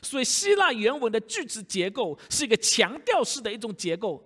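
Male preacher, bright and forceful tone, live sermon in a church with long reverb. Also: very high-pitched, very animated, a little fast. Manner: rhetorical questions to the congregation. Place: church sanctuary.

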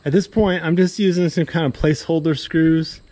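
A man in his thirties chatting casually to the camera while framing a barn outdoors, thinking out loud in a rambling, laid-back way. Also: a little high, fairly even intonation, moderate pace. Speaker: builder vlogger. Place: outdoors at a barn construction site. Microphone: action camera, sometimes head-mounted.

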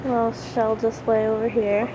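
Speaking at a moderate pace in a voice on the high side, a young video tour host casually guides viewers through an indoor museum. She points out exhibits as she walks, relaxed throughout. Her handheld camera mic yields noisy audio.

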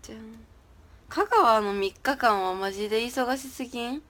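A woman's voice: fairly high pitch, normal speed, sharp tone. Chatty young woman, giggly livestream talk. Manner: chatty, giggly, reads and answers viewer comments. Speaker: idol livestreamer. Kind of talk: casual livestream chat.

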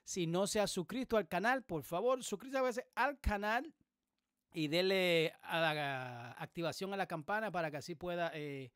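Relaxed man explaining a beat. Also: high voice, moderate pace, smooth, no room sound, clean studio sound. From Dominican Republic. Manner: relaxed, explanatory, many hesitations. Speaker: music production tutorial host. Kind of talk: casual screen-recorded tutorial. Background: beat playing in the background.

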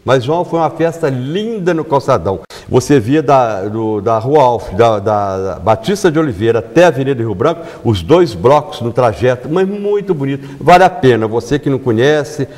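Sixties male, lively interview guest, self-correcting, lapel mic in a reverberant studio. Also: medium pitch, moderate pace, hardly any pauses. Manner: animated, repeats himself, self-corrects. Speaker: carnival band organizer, guest.

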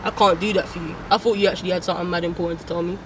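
A woman's voice: lowish voice, steady tone, racing, natural voice. A woman acting an irritated, evasive young lover in a web drama, with a London accent. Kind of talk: naturalistic web series drama dialogue. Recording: noisy outdoor street at night.

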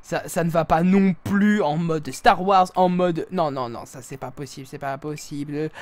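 A man's voice: on the high side, moderate pace, heavy background noise. A man giving casual live gameplay commentary as a streamer, playful and self-mocking, with sudden exclamations. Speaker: gaming streamer.

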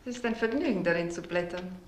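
A woman's voice: fairly low pitch, lively intonation, fast talker, natural voice. An actress as a gracious businesswoman, echoey room. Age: middle-aged. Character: gracious, attentive middle-aged gallery businesswoman. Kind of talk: screen drama acting. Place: indoors, large room. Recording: echoey room, noisy old TV soundtrack.

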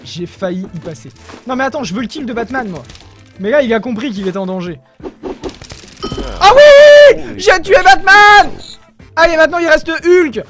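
This very high-pitched young man makes gaming videos, excitedly narrating his own play and exclaiming often. He speaks straight to his viewers, recorded on a desk mic with headphones on.

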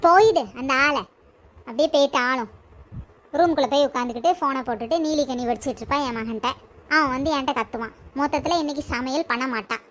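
A high-voiced, grumbling mother-in-law who sulks and complains, played by a woman in a comedy skit. She nags endlessly and pities herself at every turn. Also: fairly quick, natural voice. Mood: resigned. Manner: grumbling, whiny, self-pitying. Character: nagging self-pitying older mother-in-law. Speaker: comedy sketch actor.

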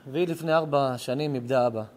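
A man's voice: medium pitch, slight background noise. A middle-aged man, a rabbi, telling a heartfelt story in a moral sermon, his voice rising and cracking with emotion. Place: synagogue or home lecture hall.

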